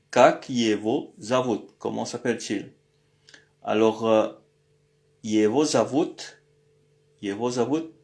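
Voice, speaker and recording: Guy teaching a lesson really slowly, lots of pauses and ums, mid pitch. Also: a little mellow. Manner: slow and hesitant, many pauses and "euh". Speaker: language teacher. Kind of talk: screen-recorded lesson.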